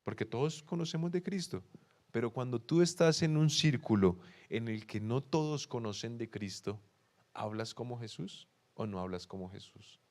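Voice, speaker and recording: A young man from Colombia, a pastor with a Bogotá accent, preaching in an animated way, asking the congregation questions and acting out quoted excuses. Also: mid-range voice, normal speed. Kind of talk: sermon.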